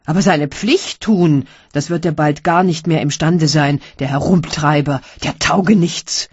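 A woman voicing a barber's scolding wife who shouts insults at him loudly in an audiobook reading. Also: deep voice, unhurried, slightly rough, no room sound, lo-fi sound. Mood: furious. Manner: loud, berating, shouting insults.

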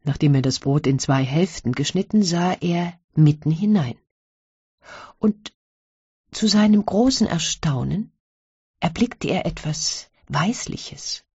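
Casting: low, slow female storyteller, breathy tone, dull lo-fi audiobook sound. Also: animated, dark tone, dry recording. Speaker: narrator. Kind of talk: audiobook reading of a classic story.

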